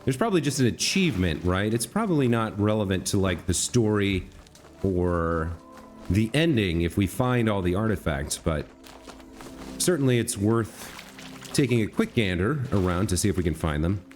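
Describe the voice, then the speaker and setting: Casting: male gamer, casual commentary, slightly low voice with lively inflection, thinking aloud over faint music. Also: normal speed. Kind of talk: casual let's play commentary.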